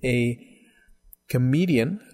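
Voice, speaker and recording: A man's voice: medium pitch, slow pace, mellow. Chatty male radio host. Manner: rambling, chatty introductions. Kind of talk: casual radio hosting.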